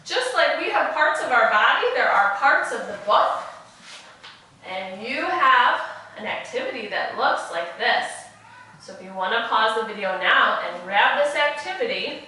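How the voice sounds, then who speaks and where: High, bright kindergarten teacher voice, echoey room. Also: female voice, expressive, unhurried. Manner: kindergarten teacher voice, simple phrases addressed to young children; encouraging, with frequent praise and prompts. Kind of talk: virtual lesson for young children. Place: echoey indoor room, away from mic. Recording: very echoey room, distant mic.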